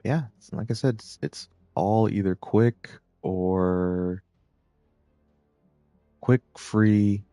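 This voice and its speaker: A man giving relaxed, rambling commentary while playing a video game, with plenty of filler words. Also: deep voice, dry recording. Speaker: gameplay commentator. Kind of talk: casual gameplay commentary.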